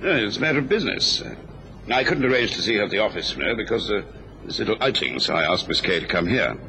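A haughty upper-class gentleman of old radio drama, blustering and quick to take offence. His delivery is bright and forceful with big swoops of pitch, over light background noise on an aged recording. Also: sing-song, exaggerated voice, rough recording. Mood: stiff, defensive. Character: irascible, pompous upper-class gentleman, a lordship.

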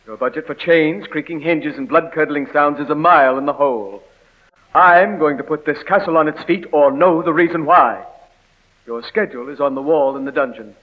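An actor playing a businesslike young ghost efficiency supervisor, brisk and bossy but polite, in radio comedy style. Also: male voice, a little high, narrow, tinny audio, natural voice. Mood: scolding, officious. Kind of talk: old-time radio comedy acting. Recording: thin, band-limited old radio recording.

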